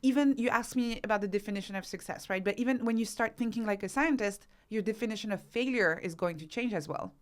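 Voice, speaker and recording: Talking at a quick pace with few pauses, a woman with a medium-pitched voice answers interview questions on a podcast. A researcher and author, she explains things instructively, using rhetorical questions and examples she acts out.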